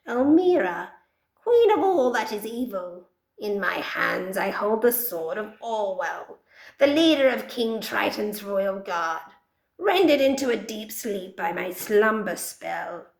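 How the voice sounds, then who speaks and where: A woman's voice: fairly high pitch, sing-song, a little slow, echoey room, rough recording. A woman voicing a fearful, scheming male starfish wizard who speaks with a trembling, fawning voice in a storybook.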